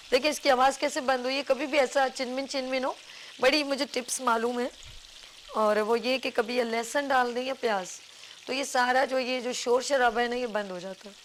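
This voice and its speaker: A woman with a slightly high voice and a Pakistani Urdu accent hosts a live cooking show from a TV studio kitchen. She explains each step to viewers in a chatty, instructive way, with slight background noise.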